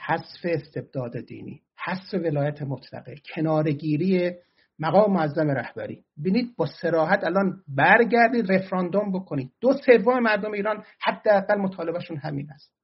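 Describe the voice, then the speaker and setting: Gravelly guy doing political commentary, argues hard and gets fired up, muffled lo-fi sound. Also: a little high, expressive. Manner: argumentative, grows heated and emphatic. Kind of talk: political commentary answering audience questions.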